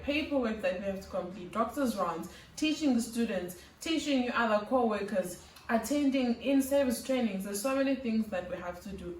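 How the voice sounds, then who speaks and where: A woman's voice: medium pitch, a little mellow, slight background noise. A young woman vlogging advice on nursing school, earnest and instructive as she lists tasks. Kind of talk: advice vlog talking to camera. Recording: roomy, slightly distant mic.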